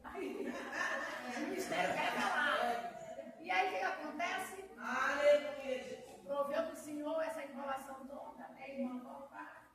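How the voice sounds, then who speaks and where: High-voiced Brazilian woman preaching in an echoey hall. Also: noisy background. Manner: emotional, addresses listeners as brother and sister. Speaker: missionary preacher. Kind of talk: testimony sermon. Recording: very echoey, mic far off.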